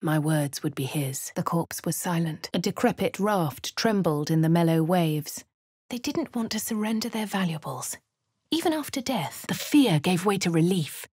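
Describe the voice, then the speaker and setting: A lowish, somewhat mellow female voice with a breathy edge and lively intonation moves at normal speed. She's an actress voicing the player character, a posh English-accented female adventurer giving cool, wry game lines and narration. The close studio mic yields a clean sound with no echo, kept dry.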